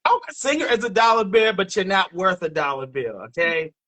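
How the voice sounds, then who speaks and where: A man's voice: sits high, big pitch swings, moderate pace, sharp tone, low-quality recording. A man hosting a dating show over a video call, bantering playfully and teasing his guest. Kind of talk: casual live-stream chat.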